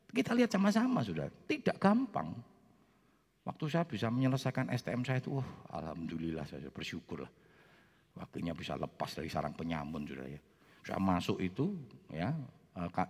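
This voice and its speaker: A man with a Javanese accent preaching a sermon, telling a personal story with animated asides to the congregation. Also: deep voice. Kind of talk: sermon testimony. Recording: long reverb of a large hall.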